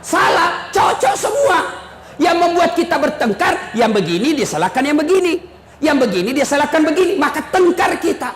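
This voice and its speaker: A male preacher giving a joking, emphatic sermon to an audience in a large hall, sometimes shouting. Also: very high-pitched, very animated, normal speed. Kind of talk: humorous sermon. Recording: echoey hall, faint noise.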